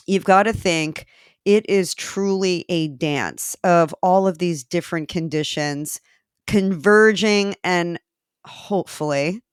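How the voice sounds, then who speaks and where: A woman's voice: low-pitched, clear, resonant tone, no echo, studio quality. A woman hosting a solo podcast, talking in a chatty way with self-deprecating asides and a few fillers. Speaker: podcast host.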